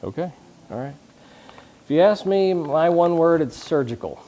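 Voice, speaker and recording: With a fairly high, mellow voice and lively intonation at normal speed, a man talks about leadership to a live conference audience. He's casual and full of jokes, often restarts, and throws questions out to listeners.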